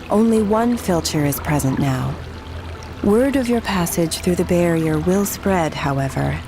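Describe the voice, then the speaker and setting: A woman acts out a night hag spirit in a fantasy game. The delivery is soft, confident and formal, measured like a calm guide, with clear music underneath. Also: lowish voice, close to an everyday voice.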